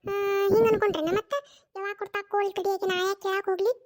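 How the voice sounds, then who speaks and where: A performer voicing a grumpy, squeaky cartoon mother-in-law. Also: flat delivery. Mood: scolding. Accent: North Karnataka Kannada. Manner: stubborn, scolding, drawn-out retorts. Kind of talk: cartoon voice acting.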